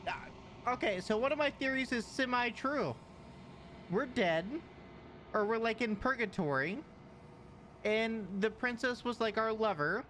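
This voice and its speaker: A male game streamer with a high voice that swings widely. He reacts excitably to the game and talks to his chat, with faint noise behind him. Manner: excitable, repeats words in bursts. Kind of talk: live video game commentary to chat.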